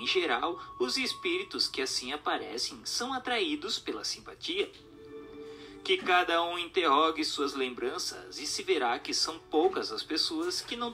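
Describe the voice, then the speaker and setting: A man reads scripted expository narration in a bright, forceful voice pitched a little high, his intonation ranging widely while his phrasing stays formal and instructive. Faint music plays underneath.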